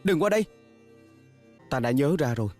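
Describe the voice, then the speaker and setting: With a natural, slightly mellow voice that sits a little high, a man speaks at a moderate pace with lively intonation. He's dubbing a fantasy drama over music, portraying a young male spirit who is devoted and self-blaming, in an earnest, solemn and sorrowful tone.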